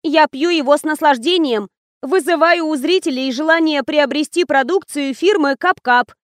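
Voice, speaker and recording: A pouty young actress answers in a squeaky, whiny voice, pitched very high, as a woman narrator puts her on. Dry, close recording. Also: moderate pace, no echo, natural voice. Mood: sulky.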